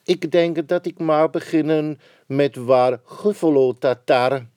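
A man's voice: a little high, slow, warm tone, clean tone, dry recording, studio quality, pitched above the performer's own voice. A man doing a cocky little mouse. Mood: boastful. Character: small clever boastful male mouse.

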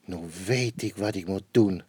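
A man's voice: deep voice, measured pace, breathy edge, dry recording. A man reading aloud, voicing an eager, earnest little male bear cub in a children's storybook. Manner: earnest, wishful, excited.

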